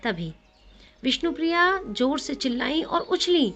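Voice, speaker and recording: A woman's voice: high voice, a little slow. Woman narrating a devotional tale. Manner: gentle, expressive. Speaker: storyteller. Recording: slightly dull audio.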